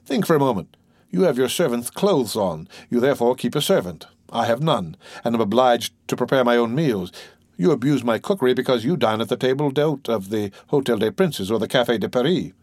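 A man's voice: medium pitch, animated, fairly quick, a little mellow, dry recording, clean studio sound, lightly acted. A man voicing a sly, sentimental old male innkeeper who talks in a wheedling, sententious way, in an audiobook.

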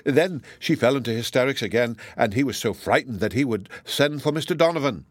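This audiobook dialogue has a man voicing a good-hearted, talkative older matron who gossips with rambling indignation and plenty of exclamations. His medium-pitched delivery is brisk and expressive, close to an everyday voice, recorded dry, with an excited, pitying mood.

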